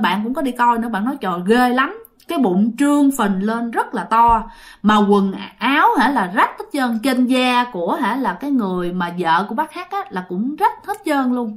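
A woman's voice: on the high side, fairly bright tone. A woman retelling a ghost story in a chatty way, often addressing her listeners directly.

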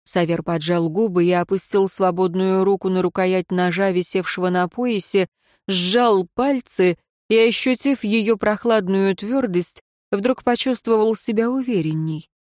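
A woman reading a fantasy novel aloud as audiobook narrator, measured and steady. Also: mid-range voice, dry recording, clean studio sound. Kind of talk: scripted narration.

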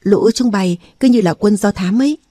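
A woman's voice: medium pitch, a little fast, mellow, dry recording, close to an everyday voice. A woman voicing a young queen who is weary of palace life, speaking in an earnest, confiding way in an audiobook. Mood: regal.

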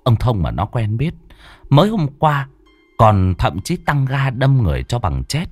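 A man's voice: mid-range voice, big pitch swings, unhurried, no room sound, faint music behind. A man narrating a horror audiobook in a dramatic storytelling manner.

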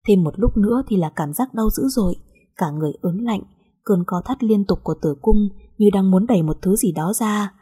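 A woman narrates a dramatic first-person story softly and with feeling. Her voice is warm and mellow with a breathy, husky edge. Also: medium pitch, brisk. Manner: soft, emotional storytelling.

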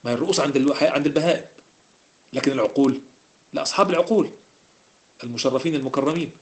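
Fast-talking Egyptian preacher man. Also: medium pitch. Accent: Egyptian Arabic. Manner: animated, rhetorical questions, quick restarts. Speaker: preacher explaining Quran verses. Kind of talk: religious lesson in colloquial speech.

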